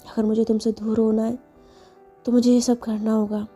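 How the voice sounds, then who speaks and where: A woman voicing a flustered young woman in love, who stammers and rushes her words. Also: a little high, little pitch movement, warm tone, slightly rough, soft background music. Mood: sad. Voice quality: stammering, rushed when nervous.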